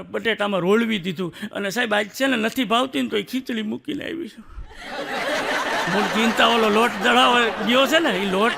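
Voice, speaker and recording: A man's voice: high-pitched, bright, forceful tone. A male stand-up comedian telling jokes to a live audience, chatting casually and acting out the people in each story with short quoted lines. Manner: chatty storyteller, acts out judges and wives in quick quotes.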